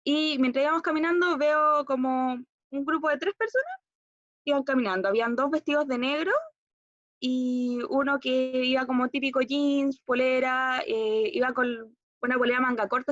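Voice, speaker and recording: A woman's voice: high-pitched, steady tone, brisk, fairly bright tone, no room sound. Young Chilean woman rambling through a story. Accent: Chilean Spanish. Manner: rambling, hesitant storytelling with fillers and restarts. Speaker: acting student. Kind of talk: rehearsed personal monologue. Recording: dull, dry recording.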